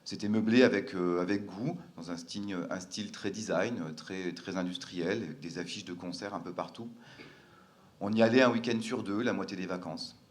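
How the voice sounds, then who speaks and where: A man's voice: low-pitched, moderate pace. A man from France telling a personal family story, earnest and hesitant, with frequent fillers and restarts.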